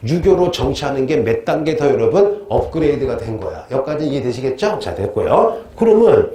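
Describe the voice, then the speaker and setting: A man teaching a history lecture in a lively, joking way, constantly quizzing his students. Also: mid-range voice, brisk. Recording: echoey room, faint noise.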